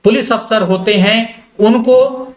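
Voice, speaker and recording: A man with a fairly high voice gives an exam-prep literature lecture. He reads a story aloud, stops to explain it, and repeats what his students must note. The recording has a roomy echo. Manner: repeats key lines and tells students to note them; slows down when reading quoted lines. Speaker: Hindi literature teacher.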